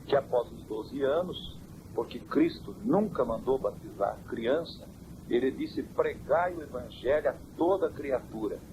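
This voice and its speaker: Man, church elder, measured preaching answers, old cassette with heavy hiss, mid-range pitch. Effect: old worn cassette tape. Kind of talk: interview answers. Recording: hissy worn cassette tape.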